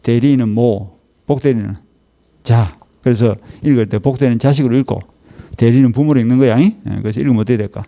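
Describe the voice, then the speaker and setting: Gravelly Gyeongsang lecturer scolding his class. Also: medium pitch, quick pace, warm tone. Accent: Gyeongsang Korean. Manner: scolding, rhetorical questions. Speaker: law lecturer. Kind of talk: exam prep lecture.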